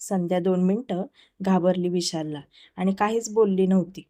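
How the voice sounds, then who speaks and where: Female story narrator, calm and even, warm mellow tone. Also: on the low side, normal speed. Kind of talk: reading a romance story aloud.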